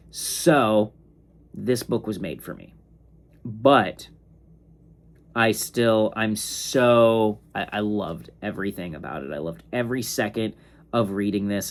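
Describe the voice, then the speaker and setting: Young male comics vlogger, sleepy and yawning, low-pitched, slow and rambling, full of fillers. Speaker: comics reviewer. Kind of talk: casual ranking monologue.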